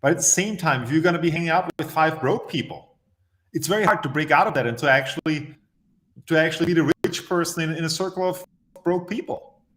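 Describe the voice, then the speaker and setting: Man, fairly high voice, emphatic, measured storytelling, interview guest. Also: fairly bright tone. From Austria. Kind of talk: interview answers.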